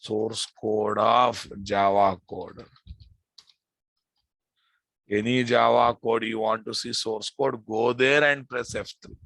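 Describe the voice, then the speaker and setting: This man, a programming instructor running a live class, speaks with a Telugu Indian accent and keeps repeating phrases and testing his listeners with questions in a casual technical talk. His lowish voice carries vocal fry and a fairly bright tone. The rough recording has no room sound.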